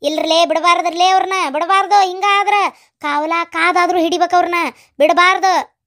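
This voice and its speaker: A woman's voice: extremely high pitch, steady tone, normal speed, a bit bright. A woman voicing a bold, outspoken village woman in a cartoon, blunt and threatening, with a North Karnataka accent. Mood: fiery. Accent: North Karnataka Kannada. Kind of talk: cartoon voice acting.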